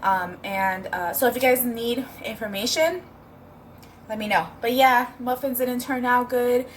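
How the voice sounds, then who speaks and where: A woman's voice: on the high side, steady tone, unhurried, slight background noise. Chatty woman vlogging at home. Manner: chatty, upbeat, rambling with fillers. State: eating while talking. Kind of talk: casual cooking vlog chat.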